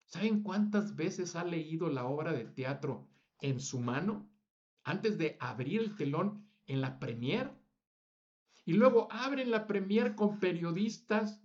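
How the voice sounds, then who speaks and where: A man's voice: on the high side, muffled recording. A man teaching a public speaking class, stressing each item in his lists and now and then correcting a slip. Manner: emphatic, lists words with rising stress; self-correcting slips. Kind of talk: lecture to students.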